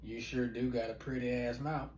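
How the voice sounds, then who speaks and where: A man's voice: medium pitch, little pitch movement, normal speed, a little mellow, pitched below the performer's own voice, close to an everyday voice. A man voicing a creepy stranger who propositions someone in an alley. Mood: leering. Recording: roomy echo.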